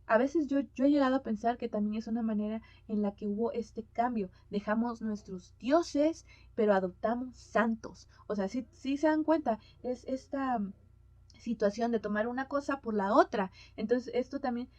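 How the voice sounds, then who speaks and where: A woman's voice: on the high side, moderate pace, a little mellow, no echo. A woman giving a conference talk on mission and culture, hesitant with many fillers as she reads Bible passages aloud. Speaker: conference speaker. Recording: dull lo-fi sound.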